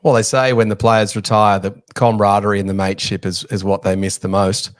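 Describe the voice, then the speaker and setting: This sports podcast host has a fairly low, level voice and a brisk delivery, keeping things chatty with self-deprecating jokes. The recording is dry and cleanly studio-made.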